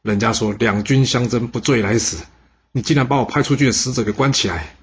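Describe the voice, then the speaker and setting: A man's voice: mid-range voice, a little fast, slightly rough. A man voicing a hot-headed ancient army commander who rages and threatens. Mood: raging. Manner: raging, threatening.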